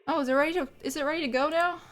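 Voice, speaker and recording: A woman's voice: high-pitched, racing, faint music behind. A woman streaming a game, chatting casually and rambling as she plays, often laughing. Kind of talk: casual live-stream chat while gaming.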